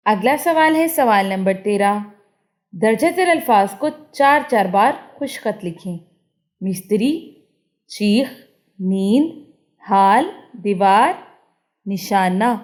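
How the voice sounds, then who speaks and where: A woman, working through a textbook exercise as a teacher and reading word lists aloud clearly and deliberately. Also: on the high side.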